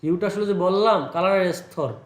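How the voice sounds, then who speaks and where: A man teaches a computer class in a high voice, calm and reassuring. He repeats each word slowly for his student. The classroom rings with echo. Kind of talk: patient classroom instruction.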